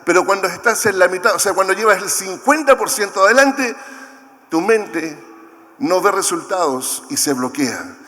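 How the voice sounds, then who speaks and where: A Chilean man preaches with a lively, swooping voice that ranges widely in pitch. His tone is bright and forceful as he acts out the scripture voices. His words ring out with a long reverb from the hall. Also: normal speed. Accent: Chilean Spanish. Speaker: pastor. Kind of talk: sermon.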